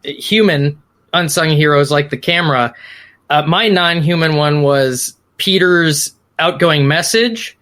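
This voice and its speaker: A woman's voice: deep voice, measured pace, a bit bright. A woman guest-hosting a podcast in casual chat, laughing often and acting out quotes. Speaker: guest host.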